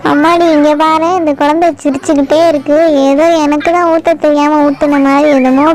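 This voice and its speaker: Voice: sits high, little pitch movement, a little fast, soft background music, natural voice. A performer doing a fussy bossy old grandmother. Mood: coaxing. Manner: scolding and coaxing, fussy. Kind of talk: doll play-acting drama.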